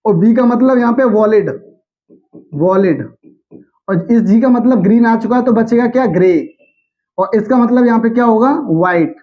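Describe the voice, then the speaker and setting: A young adult male teacher giving a classroom lecture. He repeats each point back as a question to the students and slowly chants the memory aids. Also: extremely high pitch. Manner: slow sing-song chanting of mnemonics. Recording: dull lo-fi sound.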